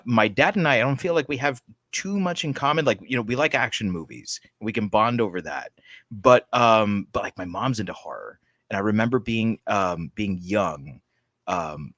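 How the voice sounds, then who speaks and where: A man in his thirties co-hosting a horror movie podcast, talking casually with lots of fillers and animated storytelling. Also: fairly low pitch, no echo. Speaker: podcast co-host. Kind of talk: casual chat.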